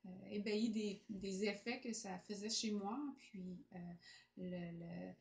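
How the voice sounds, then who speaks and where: A woman's voice: mid-range voice, fairly even intonation, unhurried, vocal fry. A woman in her forties with a Quebec French accent, talking hesitantly with lots of fillers and restarts as she gives a casual testimonial to the camera. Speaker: sponsored athlete. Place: small room indoors, at a table. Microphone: camera in front, seated. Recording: echoey room.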